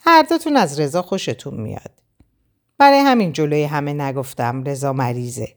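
A woman's voice: deep voice, lively intonation. A woman voicing a teasing young male friend with a playful, sly manner in an audiobook reading.

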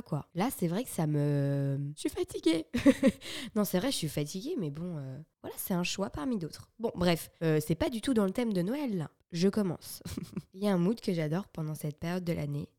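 Young woman, podcast host. Low-pitched, mellow voice with a dry sound. Playful, chatty and self-mocking. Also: dry recording. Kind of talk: casual chat.

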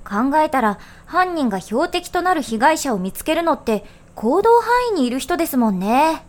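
A woman's voice: high-pitched, big pitch swings, moderate pace. A woman co-hosting a podcast who speaks politely and formally, chatting and reading a folktale aloud. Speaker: podcast co-host and story reader.

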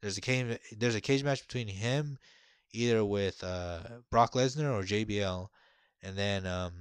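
Laid-back man chatting, smooth low voice. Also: unhurried, dry recording, clean studio sound. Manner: relaxed, rambling storyteller with many fillers. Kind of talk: casual chat.

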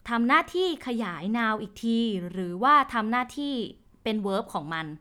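A woman's voice: a little high, animated, moderate pace, bright, forceful tone, clean tone. A young woman hosting a podcast and explaining each point step by step in a chatty, casual way. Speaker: language podcast host. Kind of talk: casual spoken lesson.

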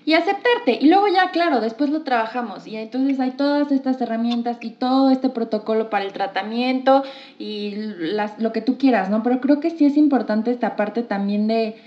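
A woman's voice: a little high, normal speed, dull audio. A woman podcast host, reflecting aloud and asking herself rhetorical questions. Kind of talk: podcast conversation.

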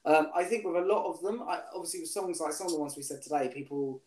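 A man's voice: fairly high pitch, quick pace, a little mellow. A man hosting a podcast, chatting casually and quizzing his guest with many restarts and fillers. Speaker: podcast host. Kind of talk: casual chat. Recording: echoey room.

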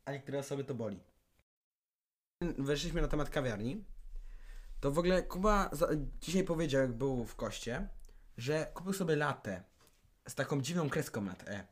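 A man's voice: medium pitch, expressive, moderate pace, long pauses. A teenage man co-hosting a casual podcast, chatty and jumping from topic to topic. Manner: chatty, jumps between topics. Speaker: podcast co-host. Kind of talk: casual chat.

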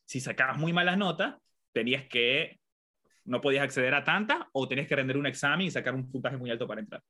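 With a mid-range voice, quick pace and sharp, animated delivery, a young Venezuelan man tells his life story reflectively as an interview guest. His Spanish accent is a mix of Venezuelan, Colombian and Argentine, and he illustrates anecdotes by acting out childhood voices.

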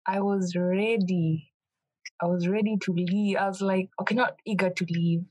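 A young woman from Kenya talking casually as an interview guest, animated and quick to laugh, with frequent restarts. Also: medium pitch, husky, no echo, rough recording.

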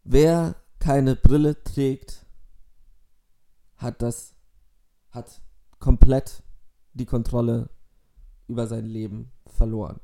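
A man's voice: mid-range voice, steady tone, slow pace, gravelly, pauses often, dark tone. A man delivering a mock school presentation in an emphatic, pompous, oratorical way.

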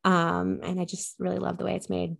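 A woman's voice: on the low side, monotone, brisk, creaky. Chatty woman guest with frequent ums. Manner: chatty, many ums, enthusiastic. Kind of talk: casual podcast interview.

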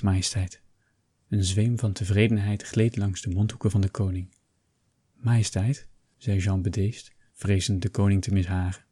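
Guy reading a novel aloud, low voice, husky, kinda dark, dead dry recording. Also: no room sound. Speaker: narrator. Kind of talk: scripted audiobook narration.

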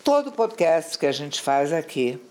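A woman's voice: low-pitched, sing-song, measured pace, warm tone, a little hiss or hum. Teasing woman hosting a podcast. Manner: teasing, laughs often. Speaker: podcast host. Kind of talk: casual podcast chat.

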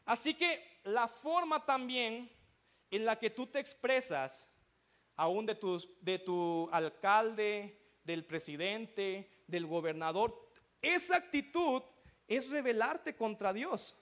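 High-voiced man preaching a sermon. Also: animated, takes it slowly, a bit bright. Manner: preaching with rhetorical checks to the congregation. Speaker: pastor.

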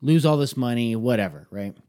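A man's voice: mid-range voice, animated, fairly quick, mellow. A man co-hosting a podcast, teasing his friend in casual chat. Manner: teasing, lots of short backchannel replies. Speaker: podcast co-host.

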